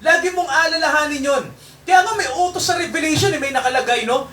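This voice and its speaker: Pastor guy preaching, really high bright voice, keeps asking the crowd "right?", echoey and a bit far from the mic. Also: quick pace, slight background noise. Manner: constant tag questions to the congregation. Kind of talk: Taglish sermon.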